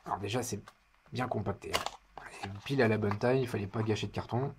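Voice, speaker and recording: A man's voice: on the low side, fast, background noise. A man giving casual unboxing commentary in his living room, chatty and hesitant with wry asides. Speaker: product reviewer.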